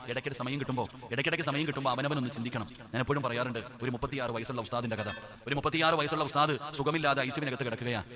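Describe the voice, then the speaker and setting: Male preacher, rapid impassioned sermon, slightly raised voice, live audience audible. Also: medium pitch. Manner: impassioned, pleading, addresses listeners directly as brothers and sisters. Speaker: Islamic preacher. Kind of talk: emotional sermon to a live gathering. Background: crowd of listeners.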